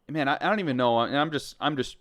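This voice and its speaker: A man co-hosting a casual podcast chat, lively and acting out quoted people as he talks. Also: mid-range voice, moderate pace. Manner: animated, acts out quotes in put-on voices. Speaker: podcast co-host.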